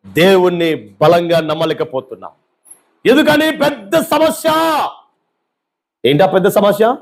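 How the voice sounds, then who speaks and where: A man's voice: high-pitched, lively intonation, measured pace. A male pastor preaching a fervent sermon, firing off rhetorical questions at his congregation.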